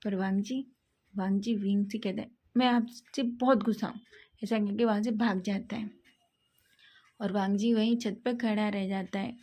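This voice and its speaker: Woman narrating a fan story, mellow voice. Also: medium pitch, steady tone, moderate pace. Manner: reads character lines in her own voice, sometimes louder. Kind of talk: casual fan-fiction narration.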